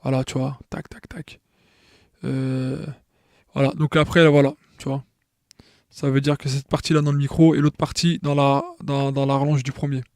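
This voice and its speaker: A medium-pitched, slightly mellow man talks at normal speed with a flat delivery, recorded in clean studio sound without echo. His informal, step-by-step tutorial is dotted with restarts, repeated words, and check-ins with the viewer.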